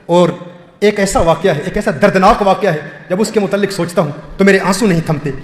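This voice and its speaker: A man with a high voice preaches with deep feeling and repeats his phrases for weight. His words ring through a large hall, and a long reverb trails after each line. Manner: repetitive, heartfelt phrasing. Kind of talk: emotional sermon storytelling.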